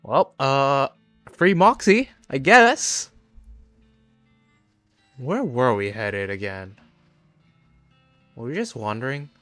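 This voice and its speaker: A man's voice: mid-range voice, lively intonation, slow pace, pauses often, pushed and bright, no echo. A man streaming a game, reading its dialogue aloud with jokey asides. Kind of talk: casual game playthrough. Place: home streaming setup. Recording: dry close mic with faint game music.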